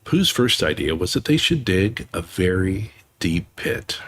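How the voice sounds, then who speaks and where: A man hosting a livestream, reading a children's storybook aloud in a gentle, softly spoken voice with chatty asides, on a close microphone. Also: low voice, sing-song, a little slow. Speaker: livestream host.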